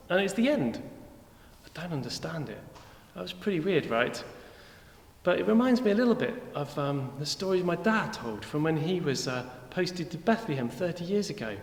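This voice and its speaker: A man's voice: a little high, big pitch swings, normal speed. A man playing a rambling Roman centurion. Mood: puzzled. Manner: rambling, conversational, wry. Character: weary male Roman centurion, chatty, blunt. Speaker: actor in church children's video. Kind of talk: comic monologue. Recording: echoey hall with long reverb.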